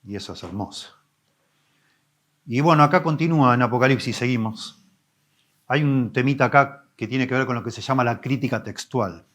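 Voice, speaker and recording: A man, a pastor preaching an expository sermon, teaching with emphatic rises and soft low drops. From Argentina.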